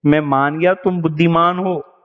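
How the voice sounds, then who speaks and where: Teacher putting on a loud, flustered elephant keeper, shouty storybook voice, dull echoey room. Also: male voice, fairly high pitch, steady tone, normal speed, pitched above the performer's own voice, lightly acted. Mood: exasperated. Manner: shouting, exasperated.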